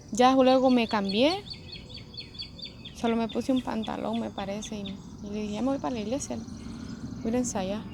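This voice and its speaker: A woman's voice: a little high, background noise. A woman telling a personal faith testimony in a conversational, reflective way, often adding tag questions. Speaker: testimony vlogger.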